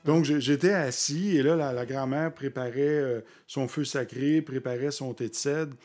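Québécois guy on a podcast telling stories, lots of "euh" and restarts, gets animated in the telling. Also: mid-range voice. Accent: Québécois French. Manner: halting, with frequent fillers and restarts. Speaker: podcast guest. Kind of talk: conversational storytelling.

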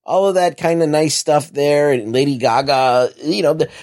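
An American man with a somewhat high, steady, slightly mellow voice co-hosts a podcast at a moderate pace. In casual chat, he rambles through a movie review in a laid-back, profane manner.

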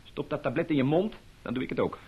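A man's voice: medium pitch, lively intonation, fast, breathy edge, highs cut off. An actor playing a rule-bound, distrustful male astronaut who speaks insistently in a radio drama. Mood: wary.

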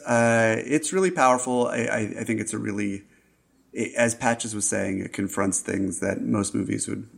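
A man's voice: fairly low pitch, vocal fry, slightly rough. A man co-hosting a film podcast, talking thoughtfully with many hesitations and fillers. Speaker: film critic podcast co-host. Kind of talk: casual film discussion.

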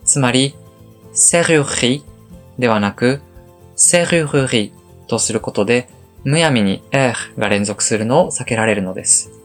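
A man who teaches French, giving a calm, explanatory podcast lesson and spelling words out slowly. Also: mid-range voice, soft background music.

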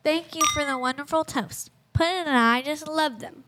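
A woman playing Harley Quinn, an excitable supervillain bride, in a youth audio play, with faint noise on the recording. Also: sits high, moderate pace, lightly acted. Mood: sweet.

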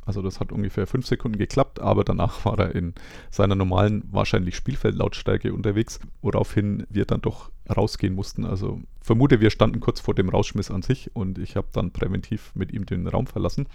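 A man's voice: fairly low pitch, fairly even intonation, brisk, creaky, few pauses, mellow, no room sound. A man hosting a show, recounting an event in a wry, conversational storytelling manner. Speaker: podcast host. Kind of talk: recap narration. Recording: dry close recording.

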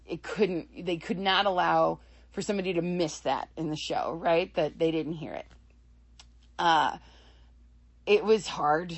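A woman's voice: on the low side, gravelly. A woman casually recapping a TV episode, chatty with frequent laughs, fillers and asides. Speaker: show reviewer.

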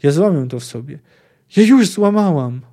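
Man plays a firm, cold young sorceress in a book reading; clipped delivery, slightly raised pitch. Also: animated, normal speed, dark tone. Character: frightened then resolute young female sorceress.

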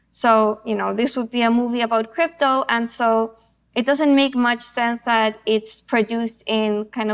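A woman's voice: on the high side, clean tone. A woman from Chile, guest in an interview, explaining her project at length with many "you know" and "um" fillers. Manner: fluent and explanatory, with frequent fillers. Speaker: author and executive producer. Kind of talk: interview answer.

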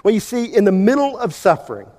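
A male pastor giving a sermon, preaching with emphasis and big swings between loud and quiet. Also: very animated, fast talker. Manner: emphatic preaching, wide swings in pitch and loudness. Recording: long hall reverb.

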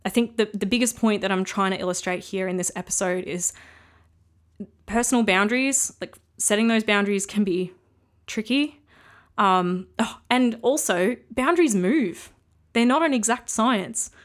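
A woman's voice: medium pitch, moderate pace. A woman hosting a solo podcast, talking casually and frankly as she gives earnest advice. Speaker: podcast host.

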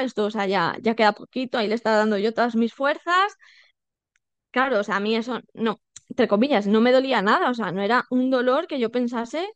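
A high-voiced woman tells her story as a podcast guest. She recounts it animatedly, slipping into quoted voices and filling pauses. Her voice is smooth and clean, recorded close and dry with no room sound. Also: no echo. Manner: animated storytelling, acting out quoted dialogue with many fillers. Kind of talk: personal birth story told in conversation.

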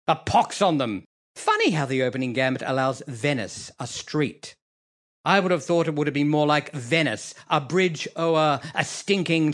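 An actor playing the scheming, bawdy villain Iago in a theatrical monologue, sneering and leering, dropping to muttered asides and rising to loud rants. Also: male voice, mid-range voice, lightly acted. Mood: leering, mocking. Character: scheming bawdy male villain Iago, self-pitying braggart.

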